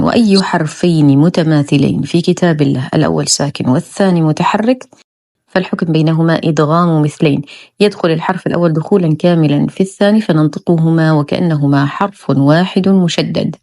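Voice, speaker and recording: A woman with a low, steady voice teaches recitation step by step, sounding out each letter slowly before she explains the rule. The recording is dry and close, with no room sound. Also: no echo. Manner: calm, methodical, demonstrates sounds slowly then explains. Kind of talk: slow, careful tajweed lesson.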